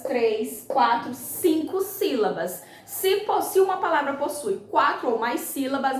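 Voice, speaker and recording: A woman teaching a class of young schoolchildren, patient and slow, spelling words out clearly and checking in with the pupils. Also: high voice, reverberant. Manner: patient, slow and clear, ends phrases with "tá bom?". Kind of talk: recorded remote class lesson.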